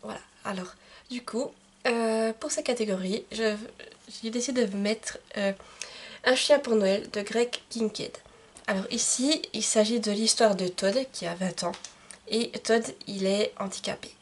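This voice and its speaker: A woman's voice: on the high side, a little slow, husky. A woman book vlogger chatting casually to camera about book recommendations, with many fillers and restarts. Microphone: camcorder.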